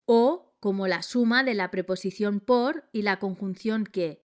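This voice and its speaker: A woman reading a scripted grammar lesson in a measured, clear delivery. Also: fairly high pitch. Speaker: grammar teacher.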